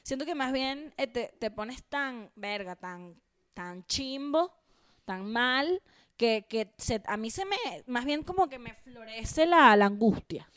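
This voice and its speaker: A young woman co-hosting a podcast at home, telling a story in an animated, crude, self-mocking way. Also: fairly high pitch, slow, clear, resonant tone, no room sound, studio quality. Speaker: podcast co-host. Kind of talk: casual storytelling chat.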